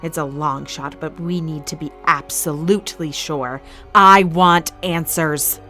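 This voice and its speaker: In an audio drama, a woman voices a female arena master with a low, commanding tone. She speaks formally and in clipped phrases, sounding cold, suspicious and ruthless, with fairly even intonation and a slightly slow pace. Quiet music plays beneath her.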